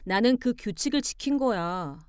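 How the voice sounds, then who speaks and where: A woman playing a calm, firm young wife. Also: medium pitch, normal speed, clear, resonant tone, no echo, clean studio sound, lightly acted. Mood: cool firm. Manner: calm, pointed, arguing with cool logic.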